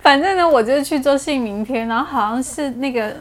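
A young woman with a Taiwanese Mandarin accent, chatting casually on a podcast with relaxed, filler-heavy speech. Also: sits high, fairly quick, background noise. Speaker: podcast co-host. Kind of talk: casual chat.

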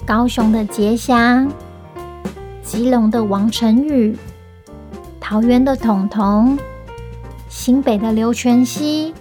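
A woman with a Taiwanese accent speaks in a high voice, as if reading to a toddler. She talks straight to little listeners as a children's storytelling host. Music plays behind her. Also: slow, long pauses, dark tone.

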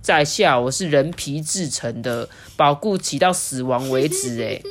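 A woman's voice: extremely low pitch, animated, unhurried, voice pushed down, exaggerated voice. A woman voicing a childish father in a storybook, whining and blustering like a sulky kid. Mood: indignant. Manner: whiny, pleading, then blustering. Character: childish grown man, a father who sulks and begs.

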